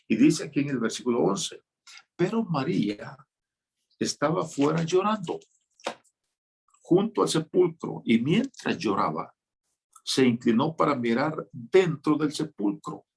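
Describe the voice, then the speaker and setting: A man's voice: fairly high pitch, big pitch swings, measured pace, creaky, long pauses, darkish tone, breathy edge. A man preaching a sermon as a pastor, teaching in a conversational way with light jokes.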